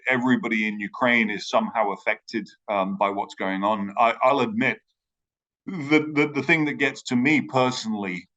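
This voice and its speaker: A man's voice: mid-range voice, a bit bright, lo-fi sound. A man from Ireland with a British accent, giving a remote conference talk, hesitant with many fillers and restarts. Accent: British English. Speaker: conference speaker. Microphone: video call.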